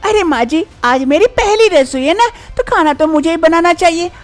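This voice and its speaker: A woman voicing a devoted, caring young wife in an animated story, earnest and reassuring. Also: extremely high pitch, moderate pace, faint music behind.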